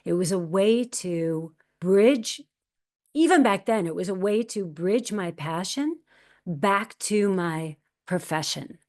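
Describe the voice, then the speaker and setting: Speaking slowly in a mid-range, slightly mellow and expressive voice, a woman in her fifties recounts her story. She's an actress and guest, candid and reflective, often quoting her own past thoughts.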